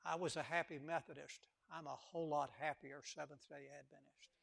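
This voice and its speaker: A man's voice: fairly high pitch, level tone, a little fast, creaky, a bit bright. A man preaching a sermon with passion, repeating words for emphasis and acting out quotes.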